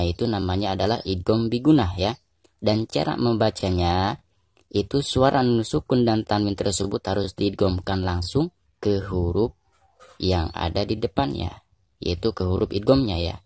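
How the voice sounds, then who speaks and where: Indonesian male recitation teacher, low dry voice, patient and repetitive, slows down for chanted examples. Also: darkish tone, no echo. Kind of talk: tajwid lesson with recited examples.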